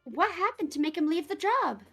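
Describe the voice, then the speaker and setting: A woman's voice: very high-pitched, sing-song, a little fast, sharp tone, soft background music, voice pushed up, full character voice. A woman voicing a polite, thoughtful young female assistant who speaks formally.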